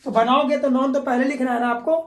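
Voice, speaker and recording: Talking fast in an extremely high, level voice, a man walks through a grammar lesson step by step like a classroom teacher, repeating key points and using short tag questions to check comprehension. The distant microphone catches room echo and a little hiss or hum.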